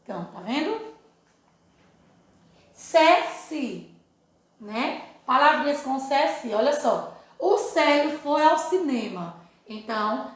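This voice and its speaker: A woman teaching a children's phonics class with a Brazilian Portuguese accent. Her voice sits high and her pace is slow and deliberate, stretching syllables in a sing-song drill. She checks in constantly with the little ones, and the recording sounds heavily echoey, as if made in a bare room. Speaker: first-grade teacher.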